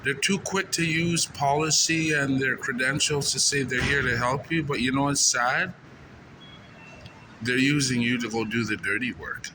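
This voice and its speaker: Traffic rumbles through this noisy street recording as a man, medium in pitch and speaking at normal speed, does informal interviews and commentary. His manner is earnest, repetitive and plain-spoken.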